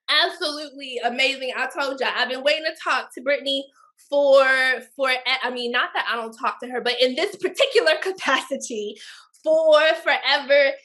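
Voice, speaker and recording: A woman hosting a live talk show, chatting playfully with a guest and joking in church style, her voice a bit hoarse. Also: high voice, fairly bright tone. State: slightly hoarse. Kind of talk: casual live chat.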